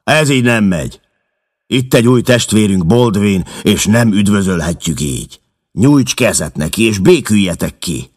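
Male reader doing a commanding gang boss, husky, swings his pitch a lot. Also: animated. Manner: commanding, blustering. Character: boss of a gang lodge, gruff middle-aged man.

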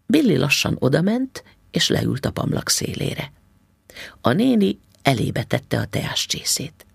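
A man reads an audiobook in a calm, measured voice with a gravelly texture. His pitch moves in a lively way. The sound is dry and close, with no room around it. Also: no room sound. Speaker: narrator. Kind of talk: audiobook reading.

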